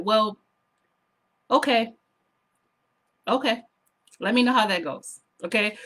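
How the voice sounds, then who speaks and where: Speaking to camera in a motivational vlog, this woman has a lowish, slightly hoarse voice and a sassy, animated coaching style. Her energy stays lively and upbeat, and she frequently breaks off to urge her viewers to leave a comment.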